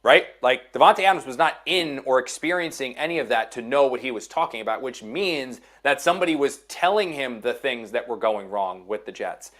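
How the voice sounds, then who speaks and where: A man's voice: medium pitch, animated, fairly quick, hardly any pauses, a bit bright. A man working as an NFL insider in a casual sports chat, emphatic and repeating phrases to drive his points home.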